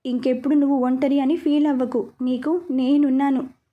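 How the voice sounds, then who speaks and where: A woman's voice: high voice, flat delivery, moderate pace, muffled recording. A woman reading as a stern young husband. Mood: gentle. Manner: scolding, then gently consoling. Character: young man, stern but caring husband. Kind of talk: storybook reading.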